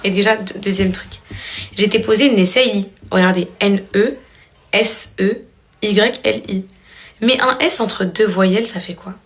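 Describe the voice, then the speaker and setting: A woman's voice: mid-range voice, measured pace. Tired, chatty mother vlogging from home. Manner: chatty, affectionate, addresses viewers as "les filles". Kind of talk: casual vlog chat to viewers.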